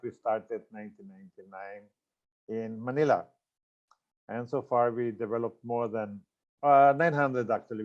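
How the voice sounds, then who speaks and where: In a lo-fi recording, an Austrian franchise consultant in his 60s presents a seminar in a lowish, slightly mellow voice. His delivery is loose and halting, full of fillers and self-corrections.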